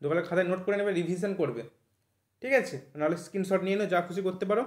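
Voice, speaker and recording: Guy teaching english words really fast, spells them out slow, echoey room. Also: high-pitched. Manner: repeats "thik ache?" after nearly every point, spells words out slowly. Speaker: English teacher for exam preparation. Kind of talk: online vocabulary lesson.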